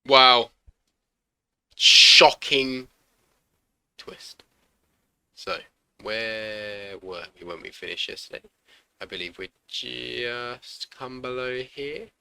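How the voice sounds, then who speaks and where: A man's voice: on the low side, slow, vocal fry, sharp tone, clean tone. A man hosting a casual language lesson, thinking aloud and correcting himself as he goes. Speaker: language learner host.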